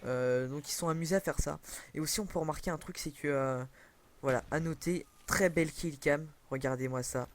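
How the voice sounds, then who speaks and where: A young man commentates on a video game through a headset in a fairly quick, somewhat high voice. His talk is loose and rambling, packed with filler words and corrections of himself.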